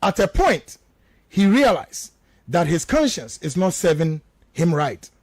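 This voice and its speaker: Very animated yet measured in pace, a high-pitched Ghanaian commentator, a native Twi speaker, argues politics passionately on radio as a studio guest. He hammers points home with rhetorical questions, and the studio-quality recording is dry.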